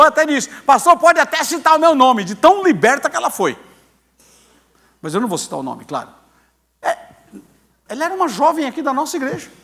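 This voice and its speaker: A man in his sixties, a pastor telling a story in a sermon, acting out the voices of the people in it. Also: high-pitched. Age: 60s. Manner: animated storyteller, acts out quoted voices.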